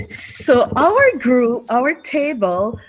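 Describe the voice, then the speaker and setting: A woman from Barbados with a Barbadian accent, reporting back to a workshop group in an unhurried, expressive storytelling manner. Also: fairly high pitch, low-quality recording. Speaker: workshop participant.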